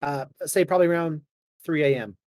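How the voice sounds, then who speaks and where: Higher-pitched man narrating as game master. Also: a little fast, darkish tone, no echo, clean studio sound. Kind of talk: improvised tabletop game narration.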